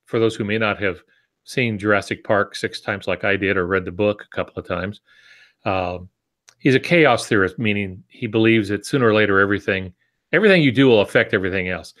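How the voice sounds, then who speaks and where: An American man in his sixties, a writing teacher and podcast co-host, teaches informally with asides over a video call from his home office. His voice is fairly low and fairly bright, and he speaks a little fast. He's using wired earbuds.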